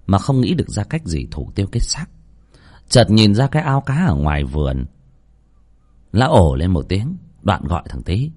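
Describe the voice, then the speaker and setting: A man narrating a horror story in an expressive, dramatic way. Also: deep voice, breathy edge.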